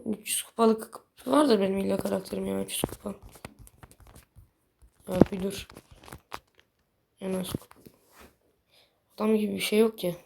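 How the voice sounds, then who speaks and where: A woman's voice: mid-range voice, steady tone, moderate pace, creaky, pauses often, darkish tone, a little hiss or hum. A young woman chatting casually while playing a mobile game, blunt and easily frustrated, swearing lightly at her bad luck. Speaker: gaming video creator. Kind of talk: casual gameplay commentary.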